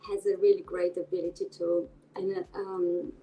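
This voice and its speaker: A woman's voice: lowish voice, level tone, normal speed, dark tone, a little hiss or hum, poor audio. Earnest Bulgarian-born woman on a video call. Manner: earnest, with frequent hesitations and restarts. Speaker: interview guest, board member. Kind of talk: online video call interview.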